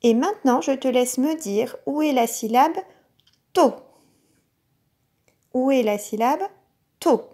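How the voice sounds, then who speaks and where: A woman teacher giving a recorded lesson to young children, speaking patiently and sounding out each syllable clearly. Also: sits high, takes it slowly, pauses often, mellow. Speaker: kindergarten teacher.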